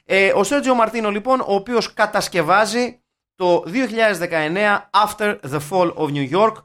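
A man co-hosting a casual film podcast, chatty and excitable, swearing in jest now and then. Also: high-pitched. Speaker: podcast co-host. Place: informal room, cafe-like.

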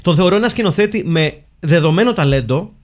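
A man, co-hosting a podcast in casual film chat, animated, slipping into English phrases and restarting his sentences. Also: high voice. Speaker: podcast co-host.

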